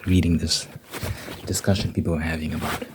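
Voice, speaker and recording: A man in casual, rambling talk, thinking out loud in an informal way. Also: deep voice, flat delivery, brisk, noisy background.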